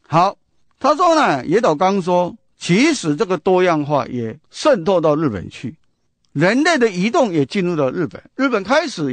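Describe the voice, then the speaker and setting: A man's voice: high-pitched, no echo. A man with a Taiwanese Mandarin accent, hosting a radio book talk, chatty and full of rhetorical questions and storytelling. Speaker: radio host.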